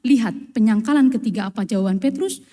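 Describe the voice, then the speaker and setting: A woman pastor preaching a lively sermon, acting out the voices in the stories she tells. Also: a little high, brisk. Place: church. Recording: long church reverb.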